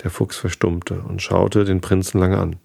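A man calmly reading a children's storybook aloud, narrating in a slow, even way. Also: low voice, creaky, slightly rough, no room sound, studio quality. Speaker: reader.

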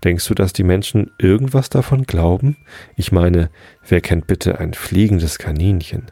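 A man voicing a sly, mocking male fox in a bedtime story, taunting in a drawn-out way. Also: sits low, gravelly, dark tone, no echo, heavily acted.

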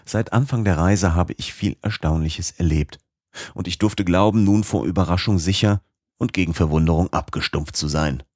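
A man narrating a classic novel in the first person, in a measured, literary reading. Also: low-pitched, a little mellow, breathy edge, no room sound, clean studio sound. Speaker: audiobook narrator.

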